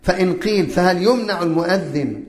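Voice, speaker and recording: Religious teacher, slightly high voice, quizzes the class with repeated questions, chants examples, roomy echo. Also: male voice, a little fast. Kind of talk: religious lesson on the call to prayer.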